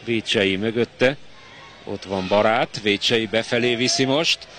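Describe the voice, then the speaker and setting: A man giving live football match commentary as the commentator, with excited bursts. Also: lowish voice. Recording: clear stadium noise behind.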